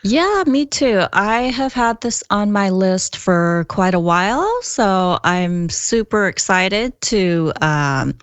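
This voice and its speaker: A woman co-hosts a podcast in a casual, chatty style. Her voice sits at a middle pitch, with a dry sound free of room echo. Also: lively intonation, slow pace, few pauses, smooth. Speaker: podcast co-host. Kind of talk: casual chat.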